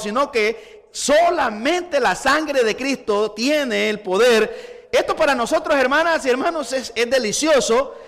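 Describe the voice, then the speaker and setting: A man's voice: high voice, fairly bright tone, in a large hall. A man preaching a sermon as pastor, with rising emphasis and frequent repeated starts. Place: church hall.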